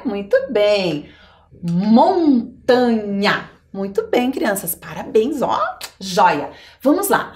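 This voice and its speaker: A woman's voice: medium pitch, fairly bright tone. A woman with a Brazilian Portuguese accent, a schoolteacher giving a televised lesson to young children, encouraging and drawing out her words.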